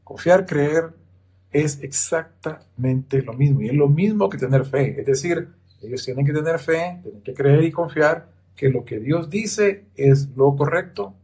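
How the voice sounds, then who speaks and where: A man's voice: on the high side, expressive, measured pace, a little mellow, breathy edge. A man on a Bible study podcast, explaining scripture in a patient, methodical teaching tone.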